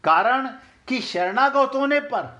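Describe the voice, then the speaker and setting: A middle-aged man teaching scripture in an earnest, direct way, speaking to his listeners and sometimes chanting verses slowly. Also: extremely high pitch, expressive, bright, forceful tone, highs cut off. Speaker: spiritual teacher. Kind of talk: explaining scripture.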